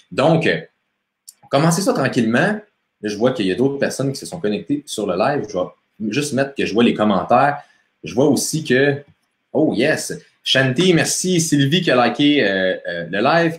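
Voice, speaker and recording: A chatty young motivation coach with a Quebec French accent hosts a casual live stream, greeting viewers by name and laughing easily. His mid-pitched voice swings up and down with lots of life, and the room sounds echoey.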